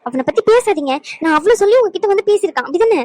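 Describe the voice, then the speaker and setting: A woman's voice: sits high, fast, dry recording, close to an everyday voice. A woman voicing a worried, stubborn young pregnant wife in a cartoon, pleading and pressing with questions. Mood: insistent. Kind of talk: cartoon voice acting.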